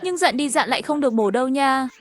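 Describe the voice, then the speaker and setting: A woman tells a cartoon story in a brisk, chatty way. Her voice sits high, and soft music plays quietly underneath. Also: lively intonation. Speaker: narrator. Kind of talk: dubbed cartoon story narration. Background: faint music.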